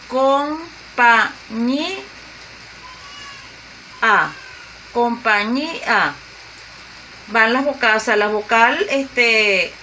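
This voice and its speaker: A woman teacher, explaining grammar to young pupils slowly and deliberately, repeating her examples. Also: on the high side, bright, forceful tone, a little hiss or hum, poor audio. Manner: slow and deliberate, repeating and spelling out examples with fillers. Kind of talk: slow grade-school grammar lesson.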